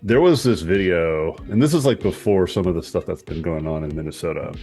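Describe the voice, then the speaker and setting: Low-voiced man musing in a group chat. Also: lively intonation, fairly quick, mellow, soft background music. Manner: rambling and reflective, with casual swearing. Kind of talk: casual group discussion.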